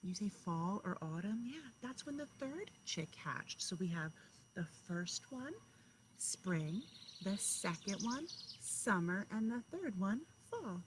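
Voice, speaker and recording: Addressing young children directly, a woman kindergarten teacher reads aloud, pausing to explain and to pose questions. Her mid-range voice swings widely in pitch, with slight background noise.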